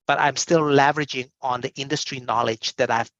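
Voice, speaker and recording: A man's voice: medium pitch, steady tone, brisk, a bit bright, dry recording, muffled recording. A man from a business school's admissions side, answering interview questions in an emphatic, conversational way and often checking in with "right?". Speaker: admissions representative.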